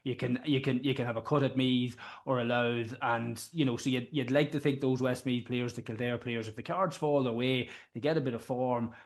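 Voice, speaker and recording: A man's voice: mid-range voice, steady tone, moderate pace, few pauses. An Irish man in casual sports chat as a pundit, colloquial and blunt in his way of talking. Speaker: Gaelic football pundit.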